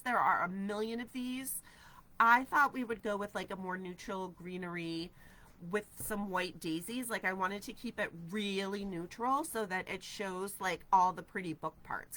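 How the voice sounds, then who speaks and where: Her voice is medium in pitch and a bit bright, though the recording, made by a camera at desk distance, is rough. She's a New Hampshire woman in her forties with a stuffy head cold, staying upbeat as she answers viewer comments in casual craft livestream chat from a studio with shelves of ribbon.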